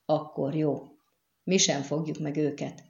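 A woman reading the part of a wounded young man, cool and teasing, in a quiet, low-key delivery. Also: flat delivery, gravelly. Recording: echoey, dull lo-fi recording.

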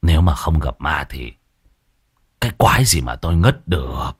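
A man voicing a frightened old village man who stammers in a low, uneasy voice. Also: very animated, moderate pace, breathy edge, no room sound, studio quality, heavily acted. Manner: stammering, fearful.

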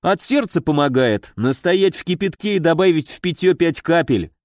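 A man narrating an audiobook voices an old herbalist who explains remedies in a measured, matter-of-fact way. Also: fairly high pitch, lively intonation, a little mellow, dry recording, clean studio sound, pitched above the performer's own voice, lightly acted. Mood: explaining.

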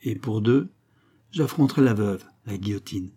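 A man's voice: on the low side, animated, moderate pace, dark tone, slightly rough. A man voicing a frightened, servile older male ex-steward who speaks humbly and pleads in a spoken storybook. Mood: humble.

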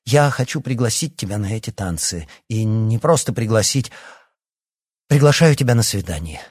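A man's voice: lowish voice, expressive, moderate pace, darkish tone, husky, dry recording, studio quality. A man reading as a blunt young werewolf princess. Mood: earnest, forthright.

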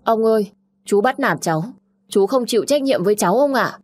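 A woman's voice: lowish voice, normal speed, darkish tone, lightly acted. A woman narrator voicing a tearful, pleading seventeen-year-old girl. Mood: distraught. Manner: sobbing, pleading.

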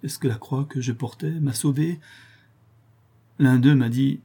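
A man's voice: mid-range voice, unhurried, mellow, slightly rough, pitched above the performer's own voice. A man reading aloud and voicing a distraught young nun, broken and ashamed, with anguished, pleading speech.

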